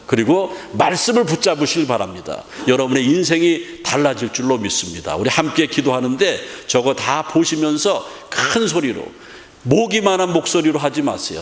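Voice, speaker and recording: A middle-aged man preaching a sermon as pastor, emphatic and full of rhetorical questions. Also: a little high. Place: church sanctuary. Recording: echoey church hall with long reverb.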